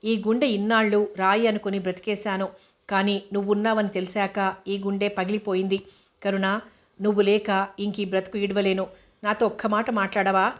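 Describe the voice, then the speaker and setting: A woman's voice: mid-range voice, flat delivery, moderate pace, natural voice. A woman voicing a remorseful older man who pleads tenderly.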